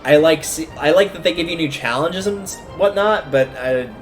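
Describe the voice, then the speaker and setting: A man whose voice is a little high and moves at a normal speed offers casual livestream commentary during a video game. He rambles a bit while thinking aloud, and video game music plays in the background.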